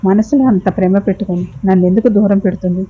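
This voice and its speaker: A woman's voice: medium pitch, steady tone, quick pace, slightly rough, narrow, tinny audio, close to an everyday voice. A woman voicing an irritable young husband, curt and brooding.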